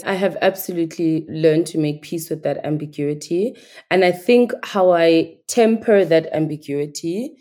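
Deep and dark in tone, this voice belongs to a woman from Nigeria who is a guest on a podcast. In a reflective, conversational interview, she comes across as thoughtful, articulate, and earnest.

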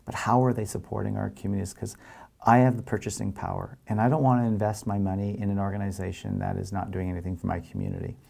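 A man answering interview questions as an organisation leader, explaining in a measured way with pauses and emphasis on key words. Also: fairly low pitch, little pitch movement, gravelly, a little mellow. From Canada.

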